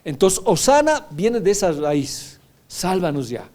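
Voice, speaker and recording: Pastor preaching in a mellow voice. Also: male voice, high voice, very animated, unhurried. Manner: teaching, often checking in with "¿ya?". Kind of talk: sermon.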